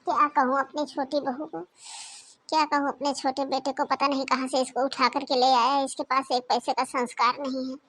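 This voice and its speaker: A woman voicing a strict old mother-in-law in a cartoon, scolding in high calls and coughing often. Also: level tone, moderate pace, a bit bright. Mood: lamenting. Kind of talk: cartoon voice acting.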